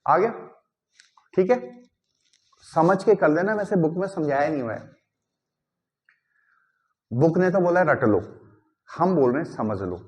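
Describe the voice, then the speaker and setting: A chemistry teacher lectures his class in a slightly mellow, expressive voice that sits on the high side. He mixes English phrases into the lesson and keeps firing off quick, repeated questions to make sure students are following.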